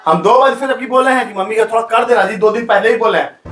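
A man, style, scolds quickly and repeats his phrases. He has a mid-pitched voice, and an echoey room and loud background music sit around him. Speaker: husband in a family prank video. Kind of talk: heated family argument.

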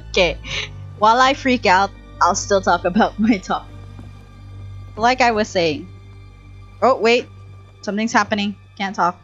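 A young woman talks through her game live on a headset mic. Her voice sits at an average pitch, casual and chatty, thinking aloud in short bursts. Faint music plays behind her. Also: measured pace, long pauses, a bit bright, lo-fi sound. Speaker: game streamer. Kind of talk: casual live gameplay commentary.

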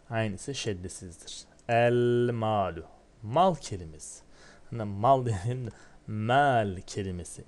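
Male teacher, low-pitched, walks through a textbook lesson with rhetorical questions and slow sounded-out words. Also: darkish tone. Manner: asks himself questions then answers, reads words slowly. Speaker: Arabic teacher.

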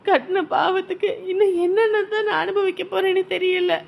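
Brief: actress for a bitter, weepy young wife in a family drama; very high voice with a gravelly edge, rapid accusations. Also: female voice, fairly even intonation. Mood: aggrieved. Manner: tearful, accusing, rapid-fire complaints. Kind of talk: melodramatic web-series acting.

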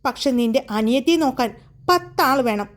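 A woman's voice: high voice, lively intonation, normal speed. A woman voicing a caring middle-aged mother who teases her daughter playfully in a storybook tale. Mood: teasing. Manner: fond, scolding playfully.

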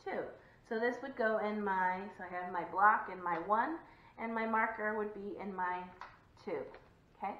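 A woman's voice: medium pitch, steady tone, normal speed, a little hiss or hum. Encouraging woman teacher in echoey room. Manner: encouraging, sing-song, claps out syllables. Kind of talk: video lesson for young children. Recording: echoey room, dull lo-fi sound.

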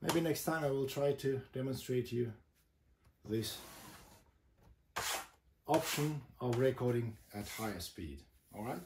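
A man giving an informal, step-by-step product demonstration as a host, speaking haltingly in short phrases. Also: medium pitch. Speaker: host demonstrating vintage boomboxes. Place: indoor room with a table of boomboxes. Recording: echoey room, loud noise, mechanical clicks.

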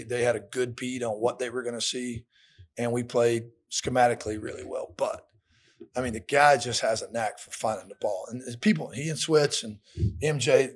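A middle-aged American man, a football coach, fields questions from a podium in an indoor press room after a game, picked up by podium microphones. He answers plainly and colloquially, his voice medium-pitched with fairly even intonation at normal speed.

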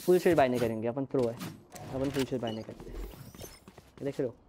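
Male streamer, casual joking chat, gunfire noise behind. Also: mid-range voice. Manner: joking, chatty, quick team callouts. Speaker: game streamer. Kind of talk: casual live-stream chat and game callouts. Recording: gameplay audio with gunfire behind.

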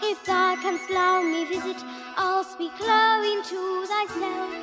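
A woman's voice: extremely high pitch, level tone, measured pace, music in the background. A woman singing as a lonely, earnest young girl in an on a musical cast album. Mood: earnest pleading. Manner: earnest sung plea with dialect words. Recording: studio cast album with loud orchestra.

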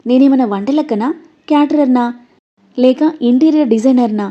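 A woman's voice: a little high, fairly even intonation, fairly quick, close to an everyday voice. A woman reading the lines of a shy young woman who is easily irritated. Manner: reluctant, irritated. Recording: dull lo-fi audio.

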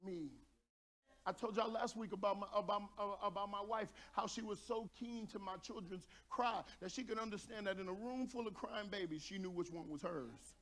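Male pastor with a light Texan accent, high voice, lively preaching, shouts and jokes in a church. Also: normal speed. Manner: animated preaching, shouting at peaks, joking with congregation. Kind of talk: sermon. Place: church sanctuary.

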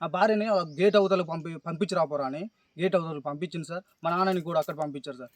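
High-voiced pleading man with Telangana accent. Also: no echo. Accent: Telangana Telugu. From Telangana, India. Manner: pleading, halting, keeps addressing the listener as sir. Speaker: complainant describing police abuse. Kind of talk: recorded interview testimony.

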